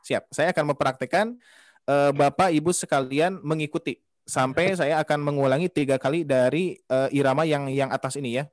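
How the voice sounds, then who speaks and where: A man's voice: on the high side, fairly even intonation, no echo, clean studio sound. A man teaching Quran recitation in an online class, patiently walking students through a melody step by step. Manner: patient, repeats melody drills slowly and sings the tones. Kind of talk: online class over video call. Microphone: video call.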